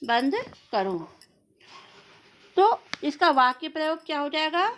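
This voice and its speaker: A woman teacher, giving a classroom grammar lesson. She asks a question, answers it herself and repeats words slowly for her students. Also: sits high, lively intonation, fairly bright tone. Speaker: school teacher.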